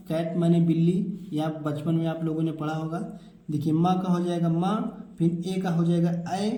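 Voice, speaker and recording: A man's voice: fairly high pitch, warm tone. A man teaching English spelling to children, asking a question and then answering it himself. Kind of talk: classroom-style explanation to children. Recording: echoey room.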